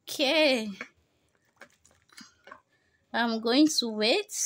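A young beauty vlogger films a casual how-to at home on her phone camera, with no microphone and no echo. Her voice is a little high, and she chats to viewers as she works, repeating herself and calling them "guys."

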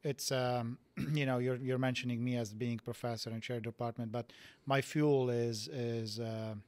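A man in his forties from Lebanon, a podcast guest speaking reflectively and haltingly, with many restarts, in a studio interview. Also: mid-range voice, flat delivery, darkish tone, dry recording. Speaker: podcast guest, physics professor. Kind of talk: casual interview talk. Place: studio set with dark curtains. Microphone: boom mic on stand.

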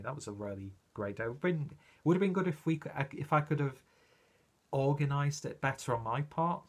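A British man presents a beer review on his own video channel, chatty, rambling, and self-deprecating as he goes. His voice is fairly low and slightly rough.

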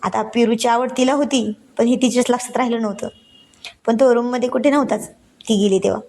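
A woman narrating a story in a plain, steady storytelling manner. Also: fairly high pitch, a little fast.

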